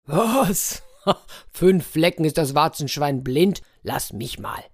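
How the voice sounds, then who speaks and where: A woman's voice: low-pitched, slow, a little mellow, no room sound, studio quality. A woman voicing a self-assured, mocking male elephant in a storybook reading. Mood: scoffing. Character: scoffing big male elephant.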